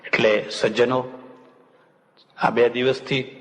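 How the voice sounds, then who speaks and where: A man's voice: mid-range voice, flat delivery, takes it slowly, a bit bright. An older man, a swami, giving a religious discourse full of anecdotes and acting out the people he quotes with humor. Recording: long hall reverb, dull lo-fi sound.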